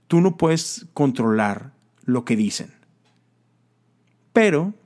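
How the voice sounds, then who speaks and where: A man's voice: mid-range voice, darkish tone. A man giving a casual, conversational sermon, full of fillers and emphatic exclamations. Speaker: preacher.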